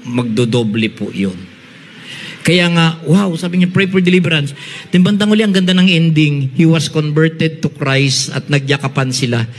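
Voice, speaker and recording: A man with a Filipino accent preaching a lively sermon, mixing Tagalog and English and calling out for amens from his listeners. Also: on the high side, normal speed, slight background noise.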